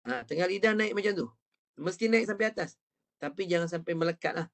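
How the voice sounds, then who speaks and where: A male Quran recitation teacher with a Malaysian Malay accent, speaking over a video call in an online class. His voice sits a little high for a man. He patiently sounds out syllables and has the student repeat them. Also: brisk.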